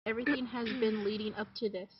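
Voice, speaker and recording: A woman's voice: fairly high pitch, steady tone, quick pace, natural voice. A woman playing an anxious, accusing wife in an amateur sock puppet play, earnest and insistent. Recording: dull, noisy lo-fi home recording.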